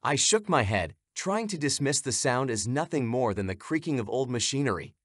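A man's voice: mid-range voice, very animated, a little fast, slightly rough, no echo, studio quality. A man giving scripted, suspenseful narration of a horror story.

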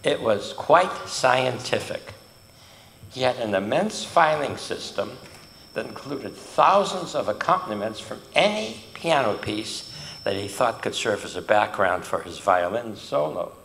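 An older man giving a storytelling lecture, telling his stories earnestly with emphatic pauses. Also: medium pitch, lively intonation, creaky, fairly bright tone, slight background noise. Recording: echoey hall.

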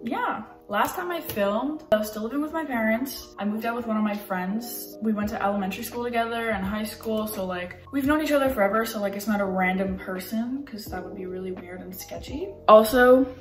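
A woman's voice: fairly high pitch, brisk, far from the mic. A young woman vlogging casually to camera in an informal, youthful way, indoors in an apartment. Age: young adult. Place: sparsely furnished apartment room, indoors. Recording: echoey room, away from mic, music behind.

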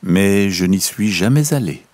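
A man's voice: low voice, lively intonation, measured pace, darkish tone, dry recording. A man voicing a protective mother duck in a storybook. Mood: gentle.

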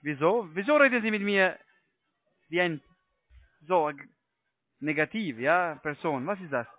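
A man's voice: on the high side, animated, unhurried, no room sound. A man from the United States who is not a native German speaker, making a cold sales call in broken German in a pushy, insistent way. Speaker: cold caller selling online trading. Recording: tinny phone line.

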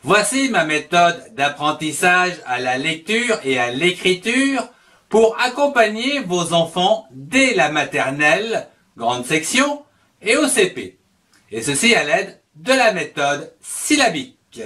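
A man introducing himself as a reading teacher in a slow, welcoming manner. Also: high voice, big pitch swings, sharp tone, distant mic. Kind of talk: video introduction.

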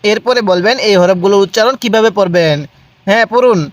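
A man teaching Quran letter reading, drilling each sound slowly and asking viewers to repeat after him. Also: high-pitched, no room sound. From Bangladesh. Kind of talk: recitation lesson, spelling out letters.

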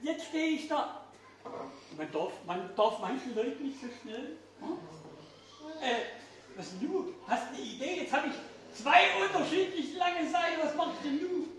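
An older man works as a kids' party magician with a high, swooping voice and playful, questioning show patter. He is recorded from a distance in an echoey indoor room. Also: lively intonation, measured pace, fairly bright tone. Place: indoors, small restaurant-like room. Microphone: distant phone camera in the audience. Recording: echoey room, far from mic, faint noise.

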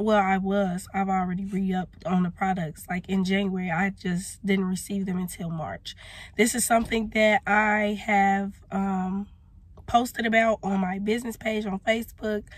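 A young woman who owns a small business vlogs casually to camera from her parked car, her voice hoarse as she recovers from losing it. She sounds defensive, explaining herself and gesturing with her hand, her medium-pitched voice caught dry and close by a phone camera.

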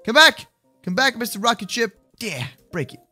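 A young man with a high, lively voice gives goofy gameplay commentary, bouncing between mumbled asides and sudden excited shouts. His tone is bright and sharp. Faint game music plays behind him. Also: moderate pace, breathy edge. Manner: goofy, hyped, talks to his sidekick and viewers, sudden shouts. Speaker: gaming YouTuber.

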